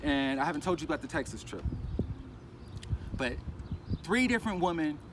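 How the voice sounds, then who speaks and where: A man vlogging outdoors and telling his story in a loose, rambling, animated way, slipping into other people's voices as he goes. His voice sits a little high for a man. Steady traffic noise from the street runs clearly behind him. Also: normal speed. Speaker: crypto vlogger. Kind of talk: casual storytelling vlog.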